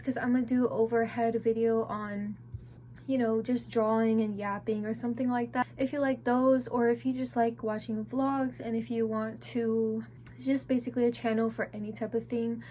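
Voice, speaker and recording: A young woman giving a casual, chatty tour of her sketchbooks, excitable and full of fillers. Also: on the high side, a little hiss or hum. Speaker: vlogger.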